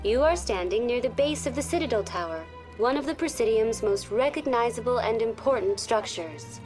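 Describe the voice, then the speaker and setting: For a video game, an actress voices a polite virtual tour guide program aboard a space station. Her fairly high female voice is lightly acted, delivering formal, measured, informative narration.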